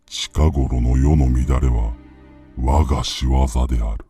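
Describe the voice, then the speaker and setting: A man voicing the proud, menacing ghost of an emperor in a husky, hushed, eerie ghost story. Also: steady tone, slow, soft background music. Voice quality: very deep, husky, breathy.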